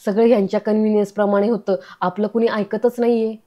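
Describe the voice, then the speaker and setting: A woman's voice: mid-range voice, little pitch movement, fast talker, warm tone, close to an everyday voice. Woman reading as a blunt fed-up young woman. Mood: annoyed. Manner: blunt and complaining.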